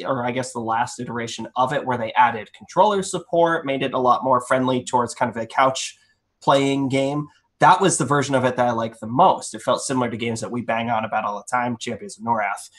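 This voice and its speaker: A man's voice: medium pitch, fairly bright tone. A man co-hosting a casual gaming podcast, joking and rambling through his asides. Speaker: podcast co-host.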